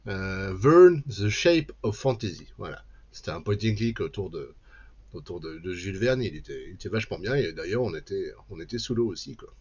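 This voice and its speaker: A man's voice: sits low, expressive, moderate pace, a little mellow, breathy edge, highs cut off. A man streaming a game, chatting casually and playfully as he plays. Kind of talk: casual let's-play commentary.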